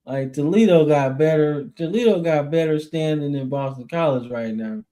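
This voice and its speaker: A man's voice: a little high, normal speed, warm tone. A man co-hosting a casual college football podcast, blunt and slangy, laughing along. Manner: slangy, blunt, laid-back. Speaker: podcast co-host. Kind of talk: casual sports chat.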